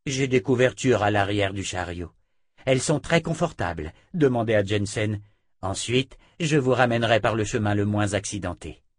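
A man's voice: on the low side, animated, moderate pace, no room sound. A man voicing a friendly blond giant.

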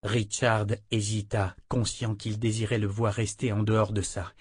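A man narrating a fantasy novel in a measured reading voice, voicing the dialogue himself. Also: fairly low pitch, flat delivery, slightly rough, no room sound, clean studio sound. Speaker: audiobook narrator.

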